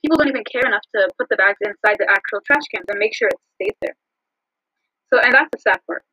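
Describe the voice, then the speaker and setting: A woman co-hosting a podcast in a casual, scripted chat with frequent ums, recorded over a low-quality phone line. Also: quick pace, husky, no echo. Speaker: podcast co-host. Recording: muffled dry phone-line audio.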